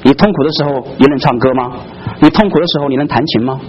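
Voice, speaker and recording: A man's voice: medium pitch, quick pace, a little hiss or hum. A man preaching a sermon to a congregation, constantly putting rhetorical questions to his listeners. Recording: dull lo-fi recording.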